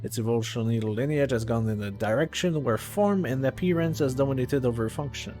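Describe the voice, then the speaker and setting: A man's voice: medium pitch, brisk, darkish tone, soft background music. Rambling man streaming a game. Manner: rambling, hesitant, many fillers and restarts. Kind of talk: casual live game commentary.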